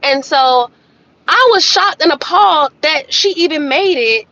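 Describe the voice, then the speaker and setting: A woman's voice: sits high, measured pace, dull audio. A woman hosting a livestream, telling a story in a casual, sassy way and talking straight to her viewers. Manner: animated, sassy, addresses viewers as y'all. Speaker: livestream host.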